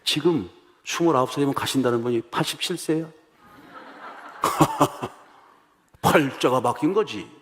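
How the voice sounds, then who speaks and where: A middle-aged man preaching a sermon as pastor, telling stories with lively acted-out voices and rhetorical questions. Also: mid-range voice, a little slow, long pauses.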